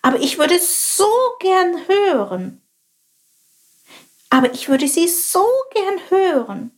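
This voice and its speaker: A woman voicing a curious, excitable little male sparrow who asks eager questions. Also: extremely high pitch, slow pace, pitched above the performer's own voice, heavily acted.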